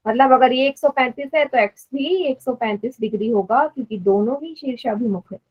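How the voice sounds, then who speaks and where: A woman's voice: a little high, a little fast, muffled recording. A woman teaching math in a live online class, patiently explaining and quizzing students. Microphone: online class stream.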